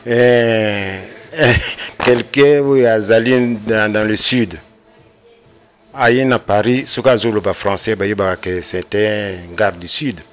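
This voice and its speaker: A man's voice: lowish voice, fairly even intonation, slow pace. A man, a panel guest explaining his view and mixing in Lingala words. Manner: explanatory, mixes in Lingala, rises emphatically. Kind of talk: debate discussion.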